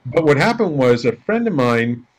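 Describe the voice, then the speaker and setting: A man's voice: mid-range voice, normal speed. A man who works as a life coach, telling stories as a guest in a casual interview and acting out the dialogue in them. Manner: animated storyteller acting out quoted dialogue.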